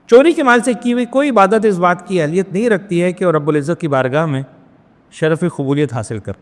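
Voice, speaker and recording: Male cleric, high voice, methodical teaching lecture, reverberant hall. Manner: explains step by step, mixing English words, asks if points are clear. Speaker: Islamic scholar teaching a Hajj class. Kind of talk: religious training lecture.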